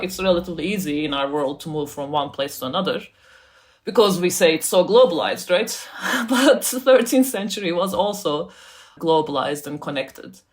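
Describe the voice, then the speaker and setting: A deep-voiced Turkish woman, an author and scholar, talks casually as an interview guest. She's thoughtful, laughs often, and frequently restarts her sentences.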